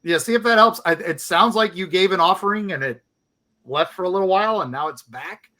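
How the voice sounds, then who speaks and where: With a high, sharp voice and a fairly quick delivery, this podcast co-host reads listener stories out loud. His casual chatter is full of filler words.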